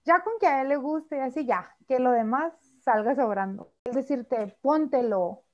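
A chatty woman with a Mexican Spanish accent and a high voice, talking casually and acting out little quoted lines as she goes. The audio sounds slightly dull and lo-fi. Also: moderate pace. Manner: chatty, frequent fillers, mimics quoted speech. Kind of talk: casual chat.

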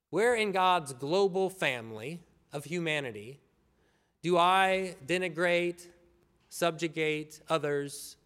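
A man preaching a sermon as pastor, earnest and measured with pauses. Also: on the high side, fairly bright tone, big-room sound. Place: church sanctuary.

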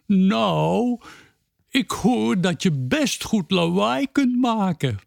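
A man voicing a gentle giant male scarecrow in a storybook, high and pleading. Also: big pitch swings, drawn-out words, vocal fry, dry recording, studio quality, full character voice.

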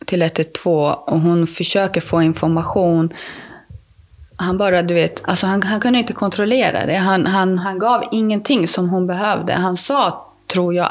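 A woman guest on a podcast tells a personal story in a casual, rambling way with a voice on the low side. She often restarts sentences and fills the pauses.

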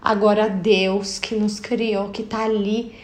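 A young woman with a Brazilian accent talks in a casual, chatty way about prayer and faith. She keeps slipping into little acted-out everyday conversations. Her voice sits at a middling pitch and carries a roomy echo. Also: flat delivery, takes it slowly, darkish tone. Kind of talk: casual devotional teaching.

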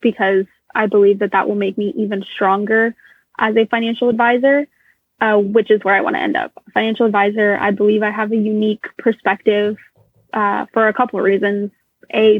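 This interview guest, a woman in her twenties whose native language is Russian, gives thoughtful answers sprinkled with small fillers during a casual conversation. She speaks briskly in a husky, mid-range voice. The phone line sounds tinny but has no echo.

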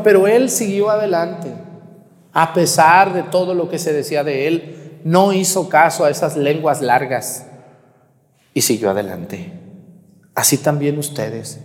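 Male priest, homily, fairly high voice, long church echo. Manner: conversational preaching that mimics parishioners' excuses. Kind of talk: Mass homily. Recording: reverberant church hall.

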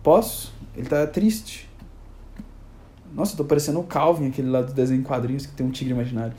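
A man's voice: mid-range voice, very fast. Rambling young man. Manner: animated, rambling, exaggerated. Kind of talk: improvised comedic monologue.

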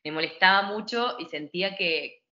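A woman from Argentina in her thirties with an Argentine accent, telling her story in a lively way as an interview guest. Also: lowish voice, normal speed, lo-fi sound. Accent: Argentine Spanish. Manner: lively storytelling, acts out quoted voices. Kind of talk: casual interview.

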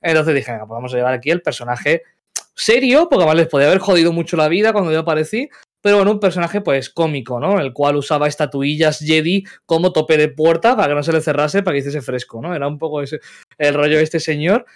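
Male guest, animated storyteller, casual and profane. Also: on the high side, fast talker. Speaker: guest, tabletop game player. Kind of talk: casual interview chat.

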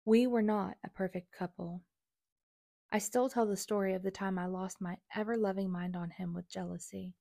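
A woman's voice: medium pitch, steady tone, normal speed, vocal fry, warm tone, dry recording, studio quality. A young adult woman reading her personal memoir aloud in an earnest, confessional way. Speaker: memoir narrator.

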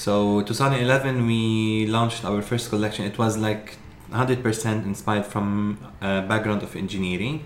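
A man's voice: lowish voice, steady tone, fairly quick, few pauses, slight background noise. A man from Lebanon, a guest in a casual interview, talking earnestly with many restarts. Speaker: guest, fashion brand co-founder. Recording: echoey room with faint ambience.

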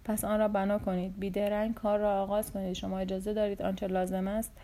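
Cold young sultan, imperious and measured, mellow low tone, as a woman narrator puts him on. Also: flat delivery, lightly acted. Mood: stern.

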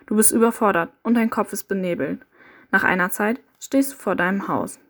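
A woman's voice: mid-range voice, normal speed. Woman narrating a second-person story. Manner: dramatic storytelling.

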